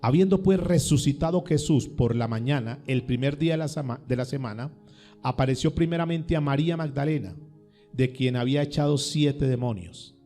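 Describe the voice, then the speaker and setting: A man's voice: medium pitch, normal speed, dark tone, faint music behind. A male pastor preaching a sermon, firing questions at his congregation and repeating words for emphasis.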